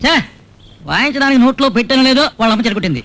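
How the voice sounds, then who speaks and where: A sly, cheeky conman in a comedy film, full of mocking quips. He talks fast with a lively, bouncing pitch. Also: full character voice. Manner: wisecracking, sly teasing. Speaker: trickster posing as spirit expert. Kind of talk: comic film scene acting.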